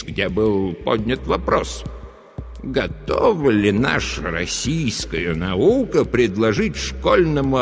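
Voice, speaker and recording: An actor playing a calm male official who speaks in a measured, reassuring way. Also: medium pitch, vocal fry. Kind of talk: audiobook reading. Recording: reverberant with background music.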